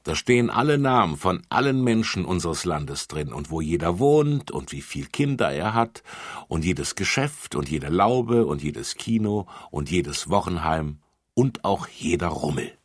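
A man reading a storybook voices a friendly police sergeant in a children's tale, patient and explaining, a bit above his own low husky voice. Very lively in his rise and fall, and recorded close and dry. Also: unhurried, no room sound, exaggerated voice.

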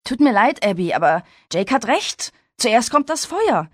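A woman's voice: fairly high pitch, sing-song, unhurried, no echo, clean studio sound. A woman reading a story aloud, voicing a blunt, scornful young male farmhand in a raised, urgent voice. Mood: insistent.

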